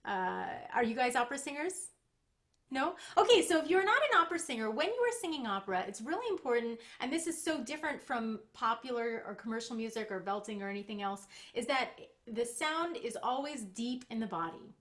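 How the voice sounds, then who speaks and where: A woman's voice: on the high side, sing-song, a little fast, fairly bright tone. A woman voice teacher coaching a singer in an online master class over a video call, explaining technique with small demonstrations.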